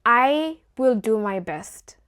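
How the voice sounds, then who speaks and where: Her voice sits a little high and sounds expressive, slow, fairly bright, clear and resonant. She's a young Kenyan engineering student talking casually as a guest, with plenty of "like" and "you know." English counts as one of her first languages, but not her only one.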